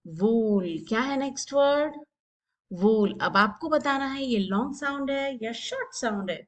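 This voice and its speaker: Animated woman teaching kids phonics. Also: a little high, measured pace. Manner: mixes Hindi and English, urges kids on. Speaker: kids' teacher. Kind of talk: phonics quiz lesson.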